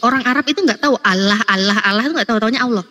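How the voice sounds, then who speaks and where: A woman's voice: a little high, racing, bright, forceful tone. A woman in a heated online debate, talking in an insistent, lecturing way and sounding exasperated, on a video call.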